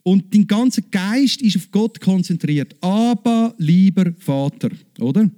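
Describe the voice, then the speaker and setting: High-voiced preacher. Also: male voice, measured pace. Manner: lively, asks the congregation questions. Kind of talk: sermon.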